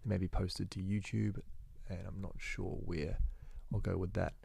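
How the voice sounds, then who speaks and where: Young male student, deep monotone with gravel, quick rambling self-corrections, dry close phone recording. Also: dry recording. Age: young adult. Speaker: university student vlogger. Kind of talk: casual spoken journal. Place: indoors at home.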